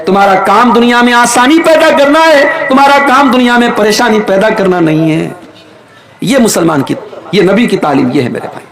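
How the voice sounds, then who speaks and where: A male preacher from northern India delivers a fiery sermon in a high voice, swinging between shouts and slow chanted verses. His voice rings through an echoey space, with a crowd audible around him. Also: animated. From Uttar Pradesh, India. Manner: impassioned, rising to shouts, chanting Arabic verses slowly. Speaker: Islamic preacher.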